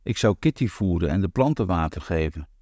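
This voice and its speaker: A man's voice: sits low, expressive, a little fast, a little mellow, dry recording, clean studio sound. A man reading aloud voices a young wife with a flustered, girlish way of talking, in a raised voice.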